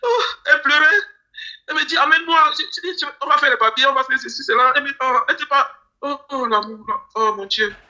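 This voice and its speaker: A man's voice: very high-pitched, fast talker, pushed and bright. A man from Cameroon giving a grieving, pleading interview, often repeating his words. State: grieving, near tears. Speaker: interview guest. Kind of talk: emotional interview testimony.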